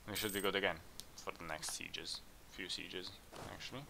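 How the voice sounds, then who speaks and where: A man hosting a let's play, chatting casually and thinking aloud as he plays, with bursts of excitement in tense moments. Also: deep voice, moderate pace, vocal fry, noisy background. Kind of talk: casual game commentary.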